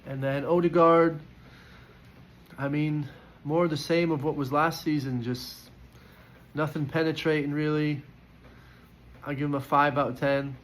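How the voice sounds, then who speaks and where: A man's voice: fairly high pitch, level tone, a little slow, a little hiss or hum, low-quality recording. A man giving casual, opinionated football player ratings in a chatty way, with frequent fillers and restarts. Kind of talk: casual post-match reaction.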